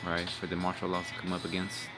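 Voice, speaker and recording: This young street preacher talks at a quick pace in a low monotone, delivering an informal, rambling religious video sermon. He is blunt and profane, tagging lines with "man" and "all right," with music behind.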